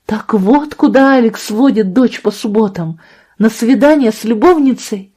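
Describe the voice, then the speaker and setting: A woman voicing a tearful young girl with a high, pleading voice on the verge of tears, in an audiobook. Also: moderate pace, mellow, husky. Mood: angry.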